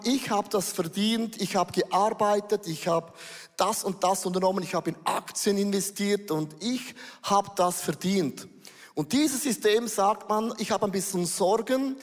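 A man preaching a lively sermon as pastor, dropping English phrases into his German. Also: sits high, in a large hall.

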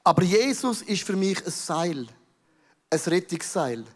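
Man, Swiss German accent, sermon, emphatic, English words mixed in, high-pitched, long hall reverb. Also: expressive, unhurried. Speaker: pastor.

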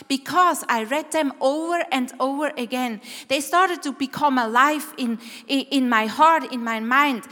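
A middle-aged or older woman preaching a devotional sermon, deliberately repeating phrases for emphasis and guiding listeners through exercises. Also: high-pitched, bright, forceful tone. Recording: reverberant hall.

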